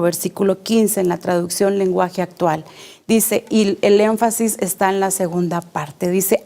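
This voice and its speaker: A woman preaches a sermon at a church service, speaking slowly and deliberately, repeating key phrases and putting rhetorical questions to the congregation. Her voice is a little high and a little mellow.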